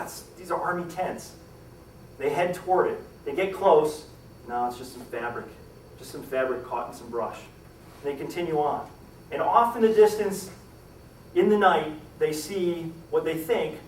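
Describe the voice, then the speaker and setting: Brief: male storyteller, slightly high voice, dramatic, acts out lines, distant mic in a roomy hall. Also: moderate pace, slight background noise. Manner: dramatic, acts out quoted lines with rising pitch and volume. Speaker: historical storyteller giving a talk. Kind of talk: live storytelling to an audience. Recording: echoey room, distant mic, faint ambience.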